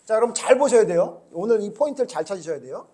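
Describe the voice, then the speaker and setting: A man with a notably high voice preaches a Sunday sermon in a church. He keeps it conversational and often turns to the congregation with questions. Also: expressive, fast talker, warm tone. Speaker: pastor. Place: church sanctuary.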